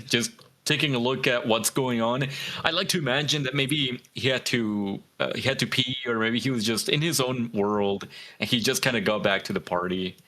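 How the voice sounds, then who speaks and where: Male player, bright tone, hesitant and musing. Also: mid-range voice. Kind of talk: casual chat in a tabletop game.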